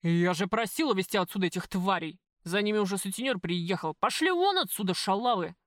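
A woman voicing a crude, jealous male mob boss who talks loudly and bossily in an audiobook. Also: fairly low pitch, a little fast, no room sound, clean studio sound, close to an everyday voice. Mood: gruff. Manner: loud, coarse, bossy.

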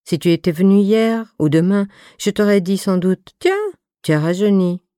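A woman reading the part of a stern but motherly fifty-two-year-old friend, speaking in an even, soft, deep voice. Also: normal speed, no echo, clean studio sound, lightly acted. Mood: posé. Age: 50s. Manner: voix égale et douce; ton de voix profond. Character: femme de cinquante-deux ans, amie sévère et maternelle. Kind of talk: scripted audiobook reading.

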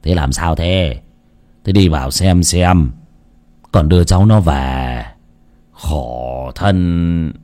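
Brief: cranky elderly night guard, voiced by a male narrator, low, gruff, grumbling. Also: slow pace, long pauses, mellow. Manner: muttering curses, gruff.

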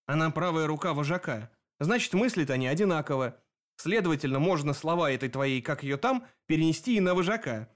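Man doing a sarcastic demon investigator, harsh and mocking, fairly high voice. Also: expressive, fairly quick, lightly acted. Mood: stern. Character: sharp-tongued sarcastic male demon investigator.

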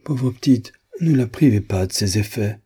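A man's voice: mid-range voice, expressive, normal speed, warm tone, husky, voice pushed up. A man reading aloud, voicing a simple, tearful older woman who pleads meekly. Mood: pleading. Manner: pleading, meek.

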